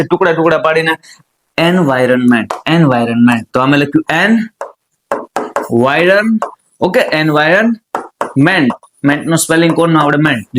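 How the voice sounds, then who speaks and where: Young guy teaching spelling, high voice, keeps repeating words and asking if u get it. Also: a little hiss or hum. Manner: lively, repeats words, asks "understood?". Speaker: English teacher. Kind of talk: classroom lesson.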